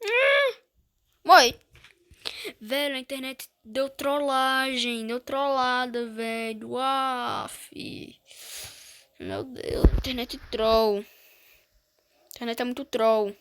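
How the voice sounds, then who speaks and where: A woman with a Brazilian Portuguese accent giving excitable gameplay commentary, often breaking into panicked exclamations. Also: high voice, drawn-out words, pauses often, smooth. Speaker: gamer streamer.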